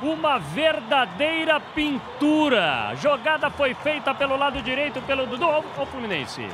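Brazilian guy reporting on a football match, super high voice, loud ambient noise behind. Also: big pitch swings, moderate pace. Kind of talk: live sports commentary, describing replayed play.

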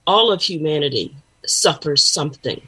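A woman guest on a talk show, speaking conversationally and haltingly as she searches for words. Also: low-pitched, lively intonation, pushed and bright, breathy edge, low-quality recording. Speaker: guest, pastor and counselor. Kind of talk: conversational interview.

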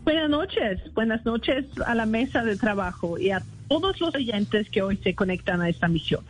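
Higher-voiced woman with foreign-accented Spanish. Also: animated, slight background noise, rough recording. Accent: foreign, non-native Spanish. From Sweden. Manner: careful, halting delivery with searching for words. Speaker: ambassador, interview guest. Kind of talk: radio interview by call.

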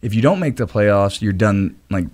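A man, a retired baseball pitcher, talking earnestly in a casual radio interview, often restarting his sentences. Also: expressive, normal speed, darkish tone. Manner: rambling, many restarts, earnest.

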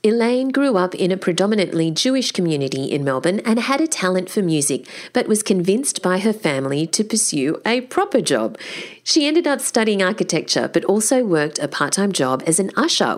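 A woman hosting a podcast, reading a scripted introduction, then asking questions with an emphatic, lively manner. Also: lowish voice. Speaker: podcast host.

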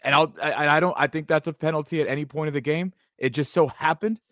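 A man's voice: fairly high pitch, steady tone, fast talker, a bit bright, no echo. Casting note: male sports radio co-host, emphatic opinionated delivery, dry close mic.

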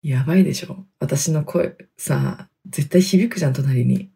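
Husky, gravelly-voiced woman chatting softly. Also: low-pitched, moderate pace. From Hokkaido, Japan. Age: 30s. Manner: chatty, self-deprecating, laughs often; speaking quietly on purpose. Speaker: podcast host. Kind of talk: casual solo podcast chat. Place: inside a closet in a wooden apartment studio. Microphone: computer mic in closet.

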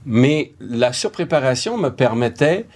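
Thoughtful Québécois man, measured speech. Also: medium pitch, big pitch swings, a little mellow. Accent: Québécois French. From Arvida, Quebec. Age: middle-aged. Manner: measured and thoughtful, with frequent hesitations. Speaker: former VJ, guest. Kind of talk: reflective conversation.

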